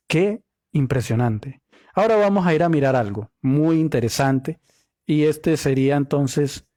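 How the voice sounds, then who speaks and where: A man with a fairly high voice leads a Bible study, reading verses aloud and stopping to unpack the Hebrew behind them. He asks his listeners rhetorical questions as he goes. The recording is dry and close, with no room sound. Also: a little mellow, no echo. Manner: reads scripture aloud and explains Hebrew word meanings, asking rhetorical questions. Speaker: Bible teacher.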